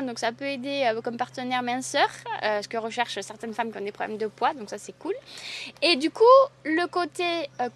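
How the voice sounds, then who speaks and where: A slightly high-pitched woman with a southwestern French accent from the Landes, talking about her craft in a relaxed interview. She speaks in a chatty, enthusiastic way, with frequent laughs and casual fillers. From Landes, southwest France. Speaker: herbalist.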